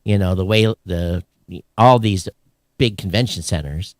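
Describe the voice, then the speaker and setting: A man with a low voice talks a little slowly, recorded dry and clean in a studio. He co-hosts a live podcast, rambling and grumbling like an old curmudgeon as he chats and reads listener comments aloud.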